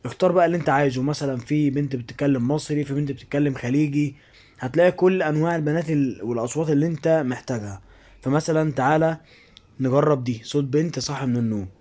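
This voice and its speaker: Quick Egyptian man, higher-pitched voice. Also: dark tone. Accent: Egyptian Arabic. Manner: informal, step-by-step explaining. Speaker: app tutorial presenter. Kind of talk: casual spoken screen-recording tutorial.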